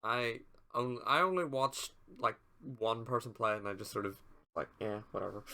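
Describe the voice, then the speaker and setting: A young man co-hosting a podcast who teases his friend with dry, offhand jokes. His voice sounds bright and sharp. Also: medium pitch, moderate pace. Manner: teasing, dry quips. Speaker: podcast co-host. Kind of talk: casual chat.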